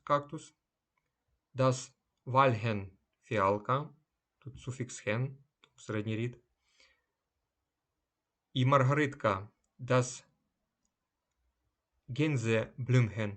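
Man calmly reading a vocabulary lesson. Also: medium pitch. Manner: measured, slows down to say each German word clearly. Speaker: language teacher.

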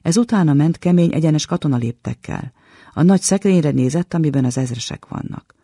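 A man with a gravelly, husky voice, pitched a little high for a man, gives a measured, dramatic reading of a short story. His tone is dark and mellow, and the recording is close and dry. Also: lively intonation, no echo. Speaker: literature program presenter reading a short story.

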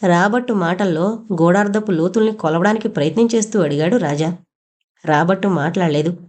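A woman's voice: fairly low pitch, brisk, darkish tone. A woman reading an audio novel aloud, narrating and voicing every character herself with small shifts in her voice.

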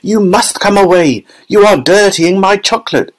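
A man voicing an excitable, fretful, eccentric factory owner who pleads and exclaims, in a children's storybook. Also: mid-range voice, moderate pace, natural voice. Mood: agitated pleading. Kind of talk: audiobook children's story character voice.

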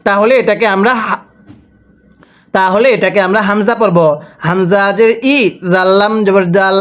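A man from Bangladesh teaching Quran reading in a recitation spelling lesson. He spells each syllable slowly and has listeners repeat after him. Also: high voice, steady tone, fairly bright tone.

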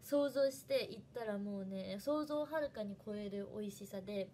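A woman's voice: mid-range voice, brisk, mellow, slight background noise. A young woman with a Hiroshima dialect, chatting casually on a livestream and thanking viewers by name. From Fukuoka, Japan. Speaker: idol trainee livestreamer.

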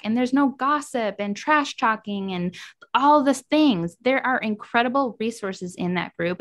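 A woman's voice: fairly high pitch, a bit bright. A woman talking as a guest on a podcast, speaking in an earnest, heartfelt way in casual chat.

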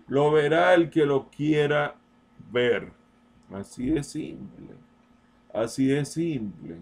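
A man delivering a political monologue as an open letter, slow and deliberate, repeating his points emphatically and addressing the listener directly. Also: on the high side. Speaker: political commentator.

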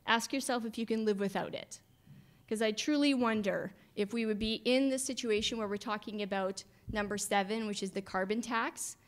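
Woman giving a wry conference speech. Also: mid-range voice. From Canada. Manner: lively, wry asides. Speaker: farm association director. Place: hotel conference room. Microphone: podium microphone.

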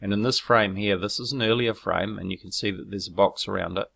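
A man, noted as New, with a low, gravelly and slightly bright voice narrates a screen walkthrough of his own video footage. He's measured and explanatory, with frequent ums and self-corrections, turning argumentative when rebutting critics.

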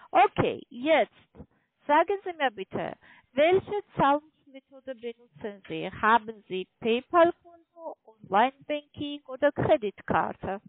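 Very animated, a call centre telemarketer with a foreign accent insistently pitches online trading in German, her non-native language. She's halting and checks for agreement often. The line is muffled, mic volume fluctuates, and there's no room sound.

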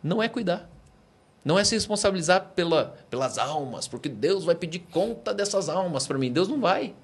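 Husky and high-pitched, this Brazilian Portuguese-accented pastor speaks briskly and expressively on a podcast. He preaches conversationally, pressing his views through emphatic rhetorical questions.

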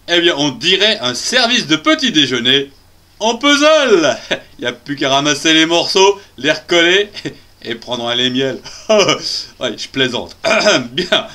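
A man's voice: fairly high pitch, very animated, unhurried, sharp tone, exaggerated voice. A man voicing a jolly, clumsy male bear in a children's story, giggling often and chatting straight to the young listeners in a bouncy, sing-song way. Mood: playful. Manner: chats straight to the young audience.

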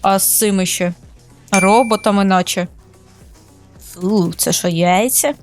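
A woman streamer chatting casually while playing a shooter for the first time, excitable, squealing and laughing at surprises. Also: mid-range voice, measured pace, music in the background. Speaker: gaming streamer. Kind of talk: casual let's-play commentary.

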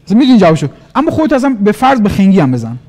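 A man giving an animated motivational business talk, acting out little dialogues in different voices. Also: high-pitched. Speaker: business trainer.

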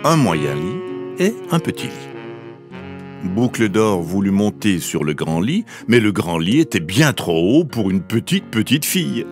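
A man's voice: fairly low pitch, sing-song, unhurried, over music. A man narrating a children's fairy tale in a lilting, sing-song way, drawing out the repeated phrases. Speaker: storyteller.

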